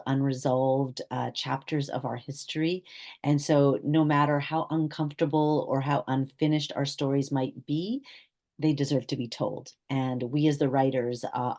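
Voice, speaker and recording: A woman co-author speaking thoughtfully and a little hesitantly, with many pauses and ums. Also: a bass voice, gravelly, warm tone. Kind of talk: casual video talk.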